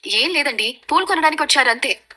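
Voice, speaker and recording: An actress playing a proud young daughter-in-law who answers back quickly and defiantly in a TV serial. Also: female voice, high voice, expressive, pushed and bright. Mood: pleading. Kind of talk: TV serial acting.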